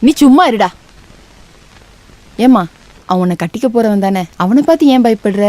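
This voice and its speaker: A woman's voice: on the high side, expressive, moderate pace, warm tone, lightly acted. An actress playing the young man's doting mother, talking in a coaxing, scolding way in a film scene.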